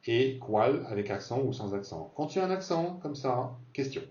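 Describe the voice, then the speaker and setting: A man's voice: medium pitch, lively intonation, darkish tone, roomy sound, distant mic, lo-fi sound. Man teaching Spanish pronunciation. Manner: slow exaggerated modelling of Spanish pronunciation. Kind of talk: beginner language lesson.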